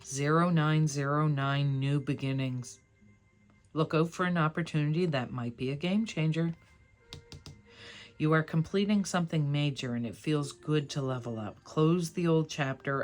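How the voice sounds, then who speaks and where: In a mid-range voice, a tarot card reader guides a casual pick-a-card reading, addressing viewers in a warm, encouraging and affirming conversational style.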